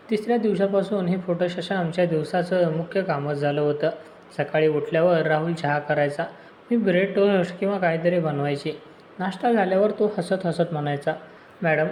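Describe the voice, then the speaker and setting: Male storyteller, steady pacing, slightly high voice, roomy recording with faint hiss. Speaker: story narrator. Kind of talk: first-person audio story narration.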